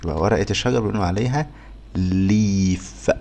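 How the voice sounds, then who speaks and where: A young man with a very low, deep voice and an Egyptian Arabic accent leads a beginners' phonics lesson. He breaks words into single sounds and repeats each one slowly and patiently. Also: a little mellow. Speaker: English teacher.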